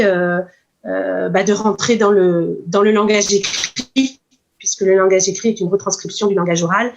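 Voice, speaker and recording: A woman speech therapist, explaining patiently in an interview, with many pauses and fillers. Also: mid-range voice. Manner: measured, many hesitations and fillers.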